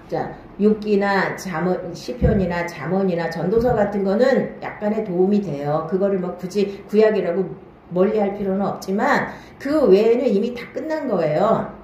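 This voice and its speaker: A woman's voice: medium pitch, expressive, moderate pace, a little mellow, slight background noise. Woman preaching in a very echoey hall. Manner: keeps asking the listeners questions and checking they follow; marks each new point with a short "now then". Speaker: pastor. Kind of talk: Bible-study sermon. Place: church hall.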